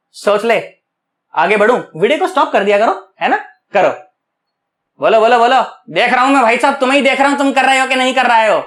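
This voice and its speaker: A man teaching physics at a board, asking questions and answering them himself in a chatty, coaxing way, repeating key words slowly. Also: high voice, fairly bright tone. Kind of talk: online lecture, explaining at a board.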